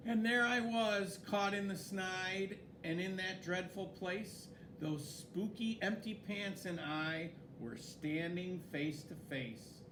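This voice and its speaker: Guy reading a kids story, really expressive and dramatic, takes his time, noisy background. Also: sits high, slow pace, few pauses. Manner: expressive, dramatic, with swooping emphasis. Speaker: story reader. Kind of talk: animated children's story read-aloud.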